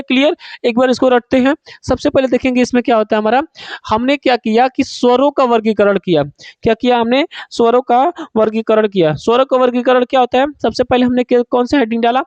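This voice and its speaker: Male Hindi tutor, very high pitch, dry close sound, drills students with repeated questions. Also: darkish tone, no echo, dull audio. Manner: asks students questions and answers them himself; calls students "babu", repeats key points. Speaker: Hindi teacher. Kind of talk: online exam-prep class.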